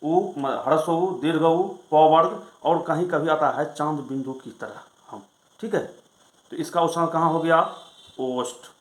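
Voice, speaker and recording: A male Sanskrit grammar teacher explaining rules in a lesson, reciting them slowly and then asking and answering his own questions. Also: fairly high pitch, roomy sound, poor audio. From Bihar, India.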